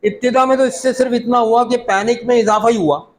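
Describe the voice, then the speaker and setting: High-voiced man teaching English. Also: steady tone, slight background noise, rough recording. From Pakistan. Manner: reads English lines slowly, then explains in Urdu with questions to students. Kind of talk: classroom lecture explaining a text line by line.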